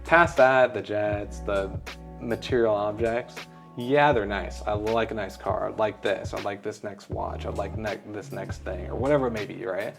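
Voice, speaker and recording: Gravelly low-voiced young man. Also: moderate pace, music in the background. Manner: upbeat, rambling, filler-heavy. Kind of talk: casual chat.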